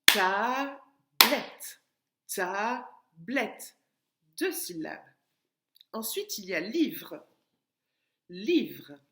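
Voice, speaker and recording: A woman teaching a lesson to young children at home, speaking slowly and deliberately and encouraging them as she stretches out words. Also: mid-range voice, sing-song, a little hiss or hum. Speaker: preschool teacher. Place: home, washing machine running. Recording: echoey room recording.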